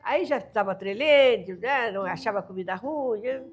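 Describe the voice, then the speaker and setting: An older caiçara woman from the São Paulo coast, Brazil, is a storyteller guest animatedly telling folk tales in Brazilian Portuguese. She speaks at a normal speed with a fairly high pitch, laughing and voicing family members in dialogue.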